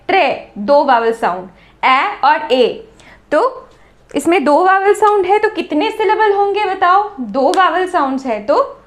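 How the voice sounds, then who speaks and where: A woman with an Indian accent teaching English grammar, explaining slowly and repeating sounds and words to demonstrate them. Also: extremely high pitch. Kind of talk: classroom-style lesson explanation.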